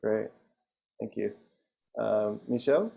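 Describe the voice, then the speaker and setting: A man's voice: fairly low pitch, slow, creaky, husky, dull audio. A man moderating a webinar over a video call, loose and conversational with light chuckles. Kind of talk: casual chat moderating a webinar.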